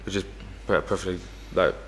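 Young irish guy, low steady voice, talks quick, bit of reverb on it. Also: slight background noise. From Ireland. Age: young adult. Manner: chatty, many fillers like "you know". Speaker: footballer guest. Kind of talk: casual interview.

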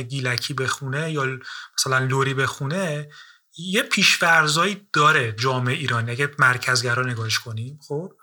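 A man's voice: fairly high pitch, sharp tone. A man interviewing a musician, talking casually and searching for words, with many fillers and restarts.

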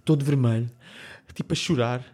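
Um jovem adulto com sotaque português europeu conta uma história num podcast descontraído. Fala de forma animada, com muitos risos pelo meio, e a voz tem altura média. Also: male voice, mid-range voice, a little fast. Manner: lively storyteller, laughs often. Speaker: podcast co-host. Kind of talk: casual chat.

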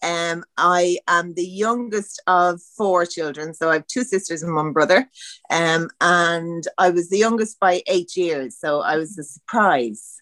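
A woman's voice: lowish voice, a little slow, fairly bright tone, no echo. A woman from Dublin with a Dublin accent, a podcast guest talking freely and laughing often. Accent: Dublin Irish. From Dublin, Ireland. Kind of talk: casual interview chat.

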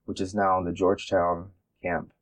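A man with a lowish voice chats about his teaching in a relaxed, rambling way. His sentences wander and fill with little hesitations. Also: normal speed. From born in London, raised in New Jersey. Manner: relaxed, rambling with many fillers. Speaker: guest, middle school engineering teacher. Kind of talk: casual conversation.

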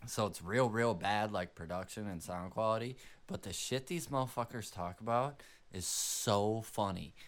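Profane, animated low-voiced man podcasting. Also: moderate pace. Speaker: podcast host. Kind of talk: casual podcast chat.

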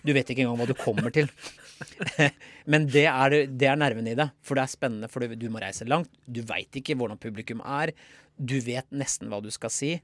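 Animated comedian man, dry studio sound. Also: mid-range voice, no echo. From southern Norway. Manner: animated storyteller, jumps into loud mock quotes, laughs often. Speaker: guest stand-up comedian. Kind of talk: casual podcast interview.

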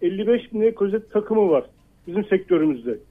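A man's voice: high-pitched, animated, fairly quick. A middle-aged man calling into a radio show over a landline phone, earnest and hesitant, with lots of filler sounds, repeating his point. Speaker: caller. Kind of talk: call-in on a radio talk show. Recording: narrow tinny phone line.

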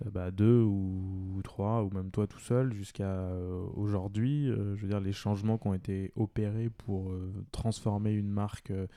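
A man co-hosts a casual interview. His voice is very dark and fairly low, and he gropes haltingly for his words. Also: fairly even intonation. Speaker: podcast co-host.

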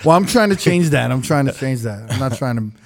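In a brisk, animated, medium-pitched voice, a young podcast host keeps things casual, swearing often. Fillers pile up, especially "like" and "you know."

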